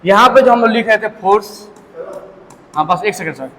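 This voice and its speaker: High-voiced man teaching physics, echoey room. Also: fairly quick, a bit bright. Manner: repetitive, drilling points home with check-ins. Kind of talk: classroom physics lecture. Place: classroom with students present. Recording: distant echoey classroom with faint hiss.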